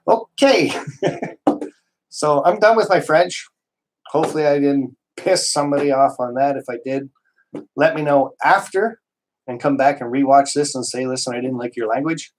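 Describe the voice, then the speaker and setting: A man's voice: medium pitch, poor audio. A man hosting a casual live stream, worked up and emphatic, rambling with restarts and mild swearing, from Canada.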